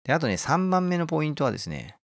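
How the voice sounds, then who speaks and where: A man's voice: a little high, sing-song, rapid-fire, vocal fry, no echo, clean studio sound. A man hosting a casual talk, explaining a favourite manga and often chuckling as he goes. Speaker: host.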